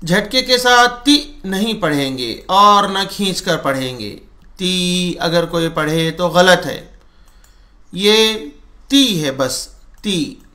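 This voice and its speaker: A man's voice: high-pitched, lively intonation, slow pace, sharp tone. A man teaching a Quran reading lesson, patiently repeating each letter sound. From India.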